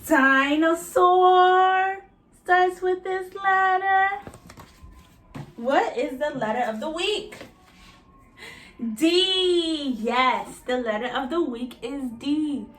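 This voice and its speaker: High, animated woman, kids show host style. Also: takes it slowly, pauses often. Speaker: preschool teacher leading circle time. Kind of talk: children's educational lesson, asking questions to young viewers. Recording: roomy echo, distant mic, faint noise.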